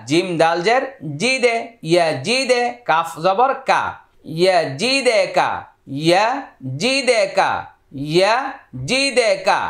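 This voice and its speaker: A man teaching Quran reading, sounding out each Arabic letter and vowel mark before repeating the syllable. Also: fairly bright tone. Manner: drops to a lower, quicker voice for spoken instructions. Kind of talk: slow syllable-by-syllable recitation lesson.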